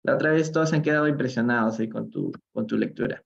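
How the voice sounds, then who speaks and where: A man's voice: medium pitch, vocal fry, highs cut off. A man with a Peruvian Spanish accent teaching an English reading lesson on a live stream, drawing out phrases and calling on viewers by name. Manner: slow, drawn-out model readings of English phrases; addresses chat viewers by name, asks questions. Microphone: live stream phone or computer mic.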